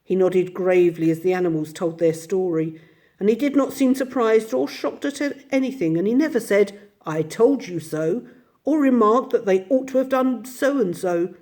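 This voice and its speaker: A woman reading a classic children's storybook aloud in a gentle, unhurried way. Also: medium pitch. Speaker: narrator.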